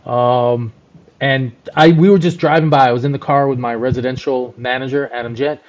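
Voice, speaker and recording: A man's voice: medium pitch, steady tone, normal speed. Rambling, enthusiastic male co-host, dull sound. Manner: rambling, enthusiastic, lots of fillers. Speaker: podcast co-host, journalist. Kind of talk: casual chat.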